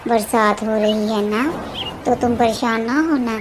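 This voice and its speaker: A woman's voice: fairly high pitch, level tone, noisy background, lightly acted. A woman voicing a sickly old woman in a cartoon, kind but fed up, complaining and scolding. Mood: weary.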